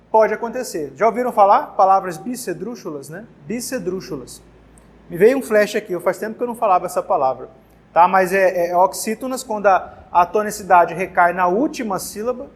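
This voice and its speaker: Brazilian guy teaching grammar at a whiteboard, highish voice, chatty, keeps saying "tá?". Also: husky. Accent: Brazilian Portuguese. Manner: casual, repeats words and checks in with "tá?". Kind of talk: exam-prep grammar lesson. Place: classroom with whiteboard.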